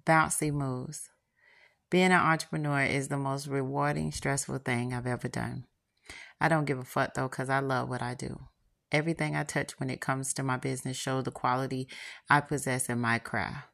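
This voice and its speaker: A woman casually reading her own first-person erotic story, frank and unhurried. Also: very deep voice, little pitch movement, creaky, a bit bright. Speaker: author and podcast host reading her book.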